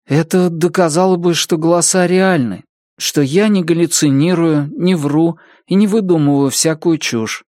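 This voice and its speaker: A male narrator voicing an anxious teenage boy who pleads and then shouts as his distress grows. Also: fairly high pitch, moderate pace, no room sound, clean studio sound, voice pushed up, lightly acted. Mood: insistent.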